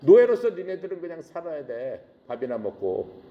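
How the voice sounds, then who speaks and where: A man's voice: a little high, sing-song, moderate pace, warm tone, muffled recording. A man voicing a stubborn king who gives curt orders to his slaves. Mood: bossy. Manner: curt, commanding. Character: stubborn, bossy male king Pharaoh.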